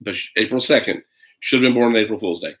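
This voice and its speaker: A man in his thirties, a parent, chats casually on a livestream and reads a children's picture book online, rambling and hesitating with playful asides. His voice is lowish and fairly bright, and he talks fast.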